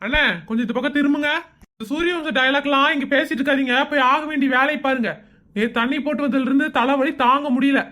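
A woman's voice: high voice, fairly even intonation, bright, forceful tone. A woman voicing a cheeky single woman in her late thirties. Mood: teasing. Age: 30s. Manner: teasing, quick banter. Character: unmarried woman of 37, cheeky teasing neighbor. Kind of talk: animated comedy voice acting.

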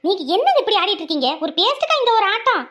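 A woman's voice: extremely high pitch, expressive, fast. A woman acting an exasperated young wife who talks back to her husband in a family drama. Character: put-upon young wife, defiant and exasperated.

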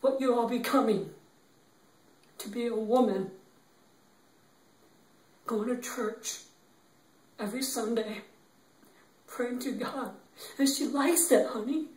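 A man playing a tearful, tender boyfriend. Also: very high voice. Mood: grieving. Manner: halting, tearful, repetitive pleading. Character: young man tenderly consoling his grieving girlfriend. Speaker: actor in an improv demo reel. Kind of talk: improvised dramatic monologue. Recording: roomy, distant from the mic.

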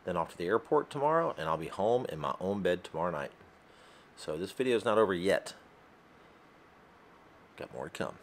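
A man's voice: sits low, very animated, normal speed, pauses often. A man in his forties, a pro angler vlogging casually, greeting fans in a busy hall and later talking in a hotel room, upbeat and fond of saying dude. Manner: friendly, upbeat, says dude and man a lot. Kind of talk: casual vlog chat. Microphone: handheld camera at arm's length. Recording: noisy hall ambience. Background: hall ambience.

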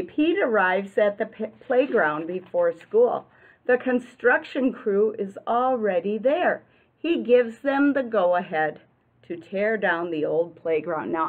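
The audio is muffled and lo-fi, like a webcam recording, as an American woman in her sixties reads a picture book to children in a classroom. She speaks in a mid-range voice, reading expressively and deliberately in a teacherly way and adding explanations and questions as she goes.

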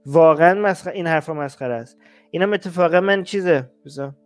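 Brief: male host, reaction commentary, blunt and exasperated, slightly high voice. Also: faint music behind. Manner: blunt, exasperated, rising heat.

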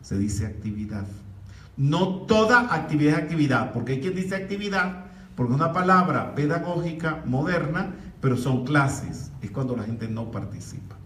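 A middle-aged man lectures on spiritual practice with the projected, emphatic voice of a trained opera singer, his pitch swinging widely. He sounds distant from the mic in a reverberant hall, with faint hiss underneath. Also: animated, moderate pace, a bit bright. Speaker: metaphysics lecturer.

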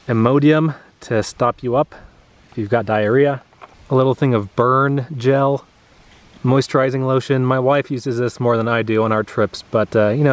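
A man in his thirties speaks in an ordinary mid-range voice, laid-back and conversational. He walks through his gear with plenty of "uh" fillers, sounding unhurried. He is recorded outdoors in an open grassy spot near trees. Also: medium pitch. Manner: relaxed, chatty, lots of uh fillers. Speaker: vlogger. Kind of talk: casual show-and-tell.

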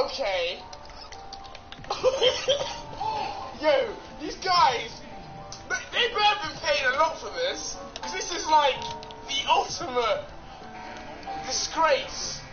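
A young man with a very high voice vlogs casually, laughing often, swearing and repeating himself as he gets excited. His voice sounds distant in a very echoey room. The recording is dull and lo-fi, with music playing behind him. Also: drawn-out words, long pauses. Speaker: YouTube vlogger. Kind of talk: casual reaction and product-test vlog.

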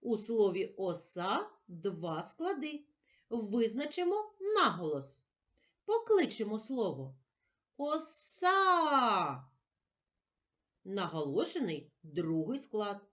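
A woman teacher giving a slow lesson to young children, sounding out letters and syllables clearly. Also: mid-range voice, big pitch swings.

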